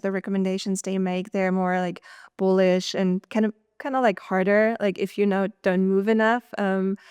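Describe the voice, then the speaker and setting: Austrian woman guest, smooth clear voice, dry close sound, lots of ums. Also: mid-range voice, dry recording. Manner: chatty, many ums and restarts, laughs easily. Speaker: guest, nutritional scientist. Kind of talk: casual podcast conversation.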